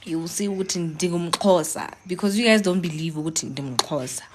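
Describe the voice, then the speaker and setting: A woman's voice: on the low side, fast, background noise. Chatty South African woman on a phone live. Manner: chatty, switches between English and local languages, encouraging. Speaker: TikTok live streamer. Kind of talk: casual live-stream chat. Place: at home.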